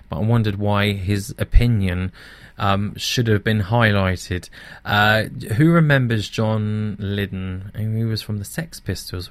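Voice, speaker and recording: A man's voice: on the low side, no room sound. Blunt British man giving news opinions. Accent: British English. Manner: opinionated, blunt, many restarts. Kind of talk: casual news commentary.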